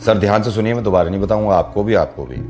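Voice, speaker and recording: A man's voice: on the low side, very fast, a little mellow, faint music behind. A man hosting a radio prank call, telling jokes and riddles in a chatty, teasing way. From based in Delhi. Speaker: radio host making prank calls. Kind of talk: playful prank call banter. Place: radio studio.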